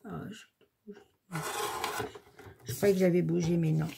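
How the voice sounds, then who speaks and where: This crafts tutorial host is a woman aged 40s to 60s with a granddaughter and a slight cold, casually demonstrating a paper craft step by step at home. Her lowish voice has vocal fry, a fairly even intonation, and a slightly slow pace, set against a noisy background. Chatty and thinking aloud, she frequently says "hop" and "voilà."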